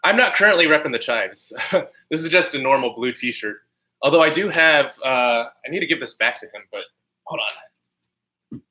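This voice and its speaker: A man chatting casually on a livestream as host, halting and slightly nasal with congestion from a lingering cold. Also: medium pitch, lively intonation, bright, forceful tone. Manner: frequent throat clearing, halting. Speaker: channel host livestreaming to viewers. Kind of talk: casual livestream chat, answering comments.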